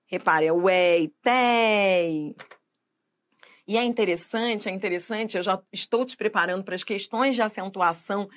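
A woman's voice: medium pitch, a bit bright. A woman teaching Portuguese grammar for exam prep, stretching words out and checking in with the viewer. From Brazil. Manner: didactic, drawn-out syllables, checks in with the viewer.

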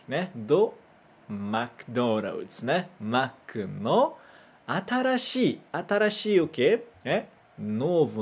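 A woman's voice: sits low, darkish tone, slightly rough. A Brazilian woman teaching a Japanese lesson, patient and encouraging, who keeps checking in with "né?" and leads repeat-after-me drills. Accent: Brazilian Portuguese.

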